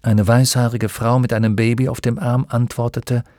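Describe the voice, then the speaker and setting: A man narrating an audiobook in a measured, vivid storytelling manner. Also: mid-range voice, little pitch movement, a little mellow, dry recording, studio quality.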